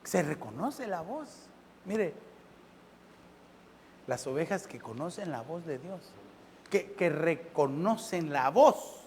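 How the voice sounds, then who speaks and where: A pastor preaching a sermon. He keeps asking the congregation questions and swings between loud and soft. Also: a little high, very animated, slow pace, long pauses, big-room sound, slight background noise.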